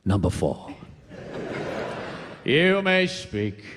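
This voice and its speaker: A man's voice: medium pitch, very animated, noisy background, voice pushed down. A man voicing a sinister, gloating elite man with a transatlantic accent, plotting with others at a big table. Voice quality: slow, gloating, villainous purr. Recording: reverberant stand-up hall, faint ambience.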